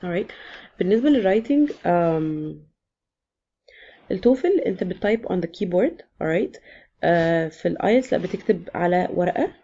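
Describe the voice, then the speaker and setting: A woman's voice: lowish voice, animated, normal speed, warm tone, muffled recording. A woman with an Egyptian Arabic accent, casually explaining exam sections in a chatty vlog lesson, often switching into English. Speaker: exam prep teacher.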